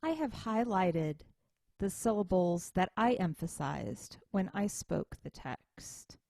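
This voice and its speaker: A woman music instructor giving a recorded lecture, explaining things in a measured, step-by-step way. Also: mid-range voice, lively intonation, creaky, dark tone, no echo.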